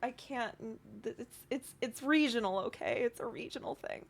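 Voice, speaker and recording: Female game master, higher-pitched, conversational tabletop narration. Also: normal speed, vocal fry, a crowd in the background.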